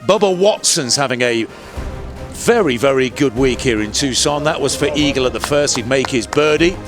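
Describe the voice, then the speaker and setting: A man commentating on live golf as a play-by-play announcer, moving between measured description and excited lifts. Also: mid-range voice. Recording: commentary over music and outdoor ambience. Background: music.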